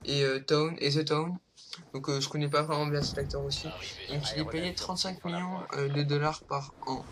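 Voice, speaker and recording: A man's voice: a little high, level tone, moderate pace, crowd noise. A young man hosting a casual countdown vlog, hesitant, with lots of fillers and rambling asides. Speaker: vlogger. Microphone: low-quality home recording.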